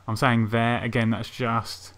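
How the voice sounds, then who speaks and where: A man's voice: medium pitch, level tone, unhurried, a bit bright. A man giving casual let's play commentary, thinking aloud hesitantly as he plans his moves. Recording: game music behind voice.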